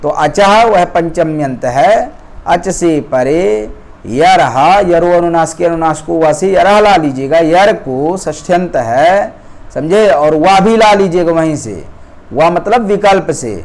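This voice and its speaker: A man's voice: fairly high pitch, animated, a little mellow. A man teaching Sanskrit grammar, explaining rules step by step and often checking that students follow. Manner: slow, deliberate, checks understanding often.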